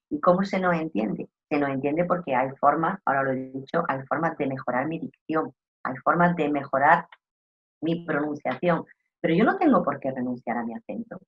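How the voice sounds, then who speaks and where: A woman with an Andalusian accent, a talkative trainer giving a lively lecture on customer service and repeating her points. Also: low-pitched, muffled recording. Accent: Andalusian Spanish. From Andalusia, Spain. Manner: talkative, animated teacher, repeats herself. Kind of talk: online lecture.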